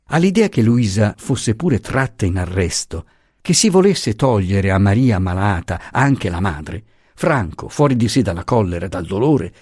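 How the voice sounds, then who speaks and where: A male audiobook reader with a raspy, fairly low voice, reading a classic novel expressively. His pitch swings widely from phrase to phrase, and the recording sounds dry and close. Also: darkish tone, dry recording. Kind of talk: literary audiobook narration.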